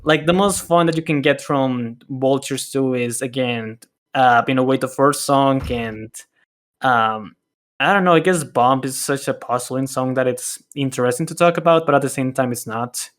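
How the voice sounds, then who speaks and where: A man hosting a casual music podcast, speaking in a halting way with frequent restarts and soft laughs. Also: mid-range voice. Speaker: podcast host and music reviewer. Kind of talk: casual chat.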